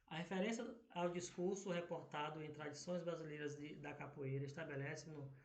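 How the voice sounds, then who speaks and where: Brazilian guy teacher, kinda high voice, keeps saying "tá?" and "né?", roomy echo. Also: fairly even intonation, brisk. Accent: Brazilian Portuguese. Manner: filler-heavy, frequent "tá?" and "né?" checks. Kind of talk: exam question walkthrough.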